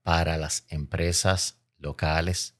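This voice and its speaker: A man's voice: rumbling low, level tone, takes it slowly, fairly bright tone. A man with a Dominican Caribbean Spanish accent, explaining as an interview guest in an emphatic, oratorical way, repeating phrases for effect. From Dominican Republic. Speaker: interview guest, logistics expert.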